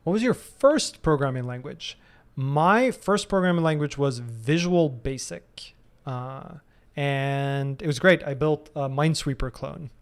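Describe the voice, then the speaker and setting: A man's voice: fairly high pitch, unhurried. A man in his thirties answering viewer questions casually in a live stream, thinking aloud with frequent ums and restarts. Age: 30s.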